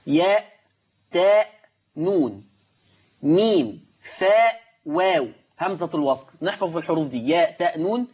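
At a board, a man with an Egyptian Arabic accent teaches the rules of Quran recitation, animatedly posing questions to the class and then answering them himself. His voice is high and husky, and the recording's upper frequencies are cut off.

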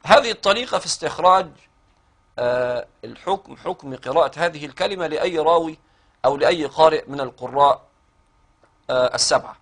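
An Egyptian-accented man teaches a recitation class with a somewhat high-pitched voice. He works through the rules step by step and stretches out the verse lines he chants. He stops now and then to quiz a student. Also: lively intonation, a little fast, pauses often, fairly bright tone. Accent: Egyptian Arabic. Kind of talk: classroom explanation.

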